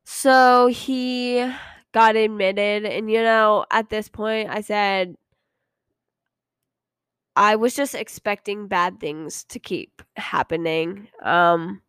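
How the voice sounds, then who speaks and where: A young woman hosts a podcast, telling her own story slowly in a rambling, hesitant, earnest way, confiding in the listener with frequent ums. Her medium-pitched voice is steady, a bit bright, clear, and resonant, captured in a dry, clean studio recording.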